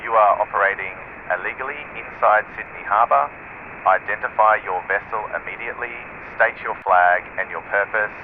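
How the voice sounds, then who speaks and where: A man's voice: on the low side, moderate pace. An actor playing a male coast guard officer who gives formal commands over a marine radio channel and stumbles when rattled. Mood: commanding. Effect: marine radio transmission. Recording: tinny hissing radio channel.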